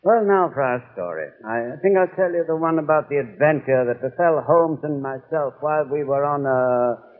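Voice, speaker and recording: A thin, boxy vintage radio recording with long reverb carries a genial older doctor , acted by a man. His voice sits a little high. He rambles in an avuncular way, as if reminiscing by the fire for radio listeners. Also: lively intonation, normal speed, natural voice. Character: genial, chatty old English doctor reminiscing about detective adventures. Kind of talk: 1930s radio storytelling and sponsor patter. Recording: tinny, hollow 1930s radio recording.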